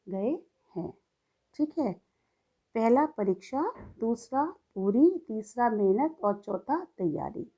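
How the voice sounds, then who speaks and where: A woman's voice: a little high, lo-fi sound. A young woman teacher giving a recorded grammar lesson to schoolchildren, explaining step by step and often checking in.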